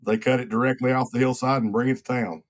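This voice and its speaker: A man who is a guest engineer in a casual interview, explaining things in a measured way. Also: mid-range voice, fairly even intonation.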